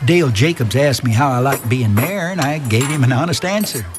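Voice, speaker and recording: Guy acting an easygoing teasing middle-aged townsman, plain spoken, lively pitch, radio drama. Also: fairly quick, background noise, lightly acted. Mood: mild.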